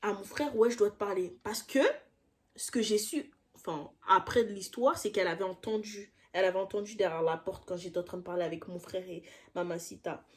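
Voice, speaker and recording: Young woman telling a heated story. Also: mid-range voice. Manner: slangy, heated storytelling with quick asides. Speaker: YouTuber telling a personal story. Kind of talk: casual story time.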